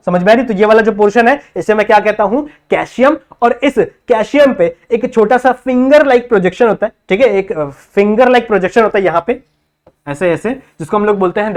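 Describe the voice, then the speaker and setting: A man's voice: sits high, a little mellow. A man tutoring biology, drawing a diagram and repeating each term back as a question, checking in with students often. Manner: checks in often with "thik hai". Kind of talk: whiteboard lecture in Hindi-English mix.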